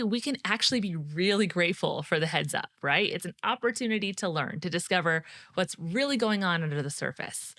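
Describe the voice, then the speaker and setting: A woman in her thirties hosts a leadership podcast, speaking to listeners as friends. Her voice sits a little low yet sounds bright and forward. The recording is close and dry. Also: no room sound. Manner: warm direct coaching, speaks to the listener as friend. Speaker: podcast host and leadership coach. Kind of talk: scripted solo podcast teaching.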